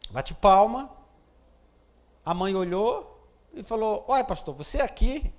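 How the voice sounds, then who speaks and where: A man preaching a sermon as a pastor, telling a story with a Brazilian Portuguese accent and acting out the dialogue, at times loud and at times hushed. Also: high voice, lively intonation, unhurried.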